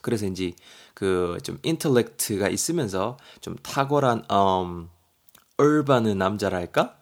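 A man's voice: lowish voice, expressive, unhurried. A man voicing a cocky young man with a Gyeongsang accent who brags about his beard in a swaggering way. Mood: boastful. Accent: Gyeongsang Korean. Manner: boastful, swaggering.

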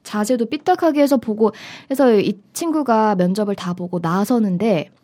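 A woman on a talk panel, recounting a friend's story in a steady way. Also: mid-range voice, normal speed. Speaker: panel guest. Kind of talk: casual anecdote telling.

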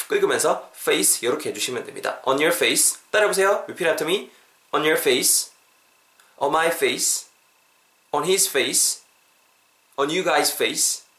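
Lively male English teacher, roomy echo. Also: medium pitch. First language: Korean. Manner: animated, drills phrases for listeners to repeat. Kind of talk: podcast English lesson.

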